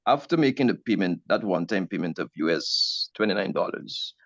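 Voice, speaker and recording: A man with a very low, gravelly voice asks polite, carefully repeated questions over a call line. His intonation moves a lot. The audio keeps cutting out and sounds dull and lo-fi. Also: lively intonation, fairly quick, fairly bright tone, dry recording. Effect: call audio cutting out and breaking up. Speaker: webinar attendee asking a question. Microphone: remote video call connection.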